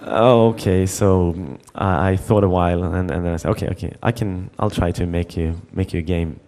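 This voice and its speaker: A middle-aged man speaking at a conference tells a story full of restarts and repeated words, acting out the dialogue as he goes. His voice sits low and sounds mellow, and he talks fairly quickly with a flat delivery.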